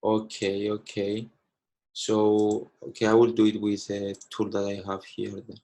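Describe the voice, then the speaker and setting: A Greek-speaking trading educator from Cyprus, a man in his twenties, teaches live online over a video call. His voice sits on the low side with a dark tone, and he speaks unhurriedly in a completely flat way. His English is slightly broken and full of frequent "okay" fillers.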